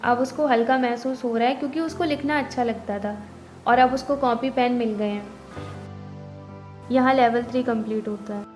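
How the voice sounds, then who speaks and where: A woman's voice: on the high side, fairly even intonation, normal speed, darkish tone. A young woman narrating her own reflective story in first person, voicing the other characters in her own voice. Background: faint music.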